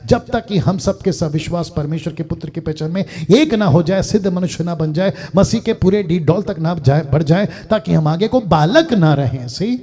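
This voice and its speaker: A male pastor preaching a sermon, mixing in English phrases, swinging from loud emphasis down to near-murmurs. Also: a little high, expressive, normal speed, few pauses.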